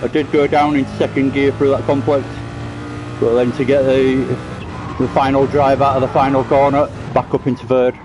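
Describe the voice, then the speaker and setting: A man's voice: medium pitch, little pitch movement, normal speed, noisy background. A man casually commenting on his own sim racing laps on a live stream, chatty and self-deprecating, a little out of breath. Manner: chatty, self-deprecating, explains driving technique.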